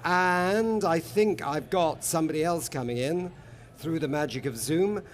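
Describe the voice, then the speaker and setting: A man's voice: on the high side, a little slow, a little hiss or hum. Jovial man hosting a live panel. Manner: jovial, chatty introductions. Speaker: host. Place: lives in Berlin.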